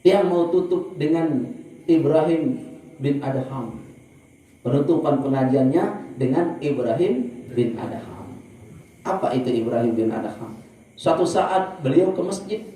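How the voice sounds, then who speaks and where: Male preacher, dark tone, lively storytelling sermon, distant mic in a booming hall. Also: measured pace, long pauses. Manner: lively storytelling, addresses the congregation directly. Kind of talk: sermon at a religious study gathering. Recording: very echoey room, distant mic, faint ambience.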